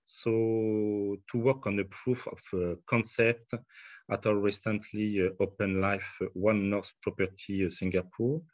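A man's voice: on the low side, level tone, a little slow, dry recording, muffled recording. A man with a French accent answering in a business interview, hesitant, with many fillers and restarts. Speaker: hospitality executive.

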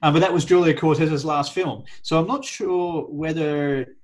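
A man's voice: on the high side, steady tone, moderate pace, rough recording. A man in his thirties co-hosting a casual film review chat, who shares trivia keenly and chuckles as he talks. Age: 30s. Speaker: podcast co-host.

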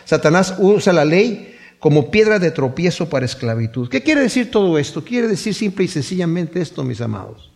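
Predicador de voz algo aguda. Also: male voice, fairly high pitch, moderate pace, gravelly. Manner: expressive, storytelling preacher. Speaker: preacher. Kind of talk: sermon.

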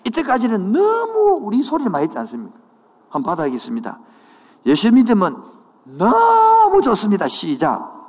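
A male pastor with a Gyeongsang Korean accent preaching a sermon in a church, dropping into dialect asides and building to shouted declarations. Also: high voice. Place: church sanctuary. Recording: church hall with long reverb.

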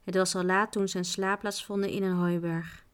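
A woman reading a children's novel aloud, with calm, even narration. Her voice sits at a middle pitch for a woman, and her pace is steady and unhurried. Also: clean tone. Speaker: storyteller reading a book aloud.

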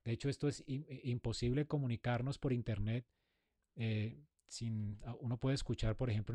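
A preacher delivers a conversational sermon on marriage communication, acting out sample replies to a spouse. His voice is medium-pitched and warm, with no room sound.

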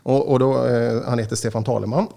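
A man's voice: medium pitch, steady tone, vocal fry, warm tone. A man hosting a radio show, bantering casually, joking and laughing often and stumbling over restarts.

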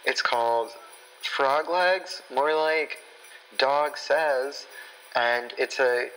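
A young man voicing a deadpan male guest who rambles through a promo for his own podcast, full of fillers. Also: mid-range voice, very slow, big-room sound, soft background music, rough recording. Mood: mock-earnest.

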